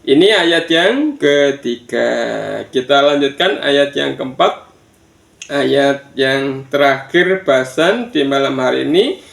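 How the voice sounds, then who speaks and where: Male Quran teacher for kids, unhurried and gravelly, leading chant drills, echoey room. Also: mid-range voice. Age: older. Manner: addresses children warmly, counts aloud and drills chanted recitation. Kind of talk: slow online Quran recitation lesson for children.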